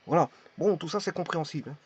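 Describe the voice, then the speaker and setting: A man's voice: a little high, fast talker, darkish tone, slightly rough. A man giving a spoken language lesson, hesitant and repeating each word as he demonstrates its pronunciation. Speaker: language teacher. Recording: dull lo-fi recording.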